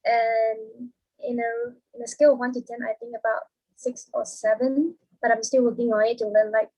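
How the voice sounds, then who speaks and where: A woman's voice: a little high, steady tone, normal speed, vocal fry, warm tone, poor audio. A twenty-two-year-old woman introducing herself hesitantly on a video call. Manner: hesitant, filler-heavy.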